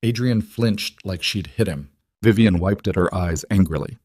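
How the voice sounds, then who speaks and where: A man reading a dramatic romance story aloud in a steady, earnest storytelling manner. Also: deep voice, normal speed, no echo, studio quality. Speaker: narrator. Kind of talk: scripted dramatic narration.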